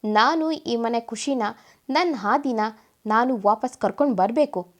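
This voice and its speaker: A woman's voice: on the high side, unhurried, lightly acted. A woman voicing a grieving young wife who turns determined and angry. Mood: resolute. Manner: tearful, then angry and firm.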